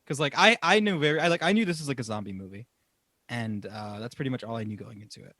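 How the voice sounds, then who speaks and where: A man's voice: mid-range voice, quick pace, pushed and bright, dry recording. A young man co-hosting a casual podcast chat, laughing often and swearing freely. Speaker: podcast co-host.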